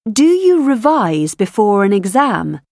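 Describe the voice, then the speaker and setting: A woman reading scripted questions for a language lesson recording, enunciating each one clearly. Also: medium pitch, sing-song, a little slow, darkish tone, dry recording, studio quality. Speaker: language textbook audio narrator.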